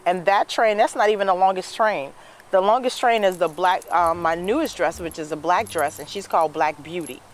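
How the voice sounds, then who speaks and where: This woman, around fifty, has a voice on the low side and talks at a moderate pace. As the interview guest who owns a dress business, she chats casually and fills her story with plenty of "you know"s.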